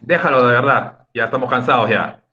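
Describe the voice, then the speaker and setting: A man's voice: medium pitch, fairly quick, muffled recording. A man teaching an online class, explaining patiently, repeating key points and checking in with his students. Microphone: video call.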